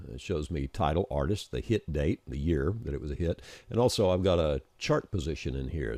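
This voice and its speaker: Speaking as an instructor, a man whose voice is deep and mellow narrates a casual screencast, talking through each software click with plenty of movement in his intonation. The recording carries no room sound.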